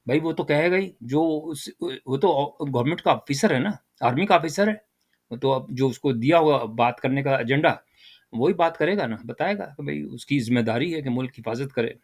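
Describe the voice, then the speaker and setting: Older male commentator, rhetorical and direct, lively delivery. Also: medium pitch. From Pakistan. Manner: animated, rhetorical, addresses listeners directly. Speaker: political commentator. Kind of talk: casual political commentary.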